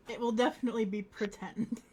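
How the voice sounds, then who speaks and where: A woman's voice: a little high, a little mellow, husky. A woman chatting casually as a player in a tabletop role-playing game.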